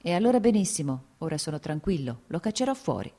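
A woman's voice: low-pitched, very animated, fast, dark tone. A woman voicing a jealous, impulsive young landowner, reading him curt and agitated, only a little apart from her narrating voice.

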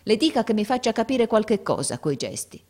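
A woman's voice: mid-range voice, big pitch swings, moderate pace, pitched above the performer's own voice. A woman reading a story aloud, voicing an emotional, anxious father, a gardener who keeps exclaiming. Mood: tearful joy. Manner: emotional, exclaiming, rising to near shouts. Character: anxious, overjoyed working-class father, a gardener.

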